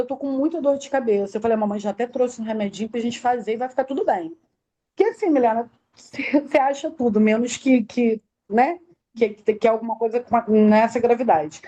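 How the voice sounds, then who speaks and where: Woman, middle-aged, fairly high voice, warm and mellow, detailed emotional testimony, acts out quoted dialogue. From Brazil. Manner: tells the story in detail, acting out quoted dialogue. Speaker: interview guest, bereaved mother.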